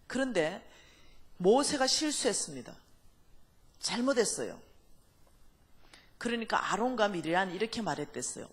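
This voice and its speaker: A man preaching a revival sermon as pastor, questioning the congregation and dropping to a whisper to press a point home. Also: sits high. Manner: acts out quoted voices, drops to whispers for emphasis; talks straight to the congregation with questions.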